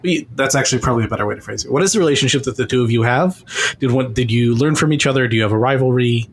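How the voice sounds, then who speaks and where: A man with an everyday mid-range voice leads a casual tabletop game as its game master. He asks his players questions and guides them along in a relaxed, conversational way. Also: medium pitch, racing, slight background noise.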